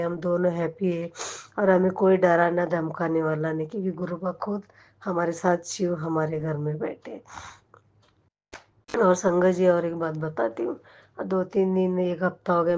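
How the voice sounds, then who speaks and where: A woman's voice: lowish voice, darkish tone, dull audio. A middle-aged woman giving an emotional devotional testimony to a congregation, often turning to address her listeners directly.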